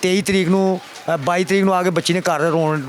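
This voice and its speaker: An older man, a father lodging a complaint, talks fairly quickly to a reporter in a high, steady voice with a Pakistani Punjabi accent. His emotional account is pleading and repetitive, sprinkled with "sir." Soft music plays in the background.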